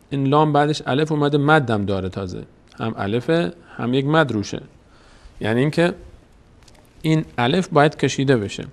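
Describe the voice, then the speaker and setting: A man gives a patient step-by-step lesson in reading the Quran, with a gravelly, fry-tinged voice at an ordinary pitch. He repeats each point several times and slows right down to chant the verses he is demonstrating. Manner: patient and repetitive, slowly drawing out recited verses to demonstrate.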